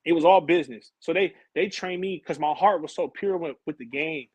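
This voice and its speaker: Interview guest: husky-voiced man, mid pitch, animated and slangy, dry recording. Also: brisk, no room sound, low-quality recording. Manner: animated, slangy storytelling, acts out his own past conversations. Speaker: interview guest, former college and pro basketball player. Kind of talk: casual storytelling interview.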